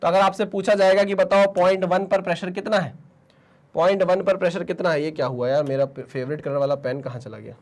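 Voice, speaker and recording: A man's voice: high voice, fairly even intonation, a little fast. A man with a sore throat teaching physics in a Hindi-English mix, asking questions and answering them himself, with Indian-accented English. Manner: Hinglish call-and-response teaching, answers his own questions. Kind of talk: online exam-prep lecture.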